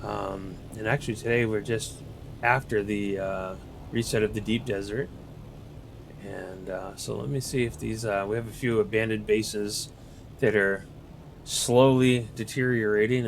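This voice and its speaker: Showing off his in-game base in loose walkthrough commentary, a Boston-accented man rambles, restarts, and fills pauses as he goes. He sounds low, gravelly, and steady, speaking unhurriedly over a noisy background.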